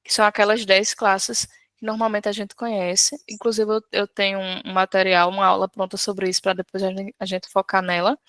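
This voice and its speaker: A woman's voice: medium pitch, flat delivery, brisk, fairly bright tone, no room sound. A woman teaching Portuguese in a live class, patiently walking through an exam question and checking in with her students. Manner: patient, explains step by step, checks in often with "certo?".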